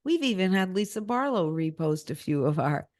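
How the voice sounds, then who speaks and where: Recorded dry and close with no echo, this Boston-area woman co-hosts a podcast in casual conversation, frequently laughing and starting sentences over. She speaks at normal speed in a fairly low, slightly mellow voice that swings widely in pitch.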